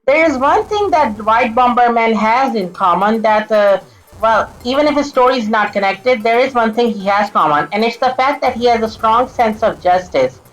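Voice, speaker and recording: A woman's voice: a little high, expressive, moderate pace, rough recording. A woman giving casual let's-play commentary over a retro game, often stuttering, restarting sentences and laughing at her own slips. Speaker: gameplay commentator.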